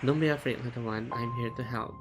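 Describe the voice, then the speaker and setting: A performer voicing a calm, protective game guide, solemn and reassuring. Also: mid-range voice, fast, lightly acted. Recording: music behind the voice.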